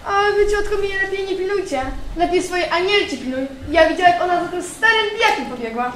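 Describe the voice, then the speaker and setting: A woman's voice: extremely high pitch, quick pace, a bit bright. A woman acting a cheeky young village girl in an amateur folk stage play, answering back pertly. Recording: roomy hall with faint ambience.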